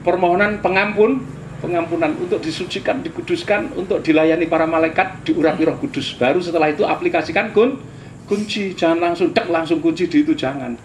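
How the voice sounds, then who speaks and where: Fairly high-pitched and brisk, this older pastor from Indonesia has a Javanese accent, and slight background noise is audible. His teaching takes the form of a sermon, full of lively stories, side comments and little chuckles.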